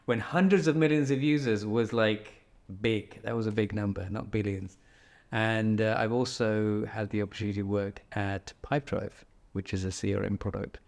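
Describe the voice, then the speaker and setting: A man with a low-pitched voice talks casually as a podcast guest, thinking aloud. His delivery is relaxed and joking, and he keeps checking in with "right?". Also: moderate pace, creaky. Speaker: podcast guest, product executive. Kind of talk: casual conversational interview. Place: indoor room, in person with host.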